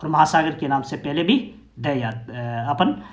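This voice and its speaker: A man's voice: a little high, unhurried, roomy sound, dull audio. A man explaining English grammar to learners in Hindi, patient and repetitive, often asking rhetorical questions and checking that his listeners follow.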